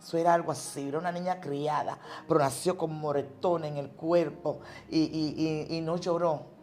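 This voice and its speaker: A woman's voice: sits low, fairly even intonation, moderate pace, a little mellow, slight background noise. A woman pastor from the tells a personal religious testimony, an emotional storyteller who repeats and restarts words.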